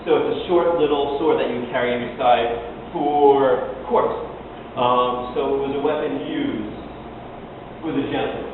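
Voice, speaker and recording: Heard from far off in a big, reverberant hall, a man lectures as a fencing instructor, explaining things and performing short quotes. His medium-pitched voice is fairly even in intonation and measured in pace, and the distant-mic recording comes across tinny and noisy.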